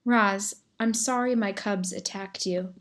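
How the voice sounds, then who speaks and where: A woman's voice: medium pitch, steady tone, a little slow, natural voice. A woman voicing a protective mother bear in a storybook reading, firm and motherly. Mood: apologetic.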